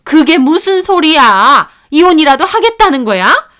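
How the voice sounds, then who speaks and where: A woman's voice: high voice, sing-song, measured pace, fairly bright tone, exaggerated voice. A woman voicing an angry, self-righteous older in-law who scolds a daughter-in-law. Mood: scolding. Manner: scolding, indignant.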